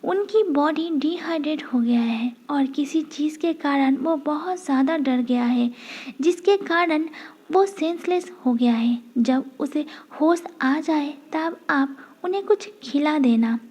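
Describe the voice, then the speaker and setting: A woman's voice: sits high, unhurried, darkish tone. Woman voicing a nervous male doctor.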